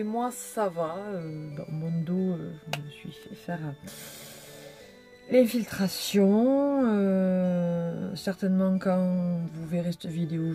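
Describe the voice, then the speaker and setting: A woman's voice: lowish voice, dark tone. A young woman chatting casually through a shopping haul vlog, with many fillers and restarts. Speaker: vlogger showing shopping haul.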